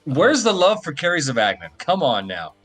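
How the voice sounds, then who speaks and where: A man's voice: a little high, huge pitch swings, moderate pace, fairly bright tone, soft background music. A man co-hosting a casual sports podcast, teasing and laughing often. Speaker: podcast co-host. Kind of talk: casual chat.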